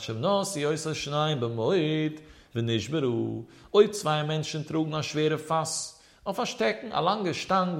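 A man teaching a religious legal text. He reads Hebrew passages in a quick chant, then explains them in German. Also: on the high side, vocal fry. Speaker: Torah teacher. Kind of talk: Talmudic lesson mixing Hebrew text with Yiddish-style German.

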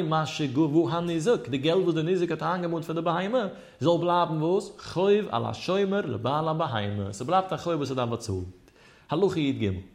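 A man giving a lesson on religious law. He reads Hebrew passages in a rising and falling study cadence, then explains them. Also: mid-range voice.

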